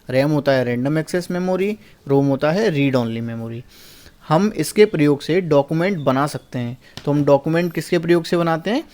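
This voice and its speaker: A young male teacher, his voice fairly high and a little dark in tone, walks through a past exam paper. He poses each question and answers it himself, slowing right down to read the English lines one word at a time.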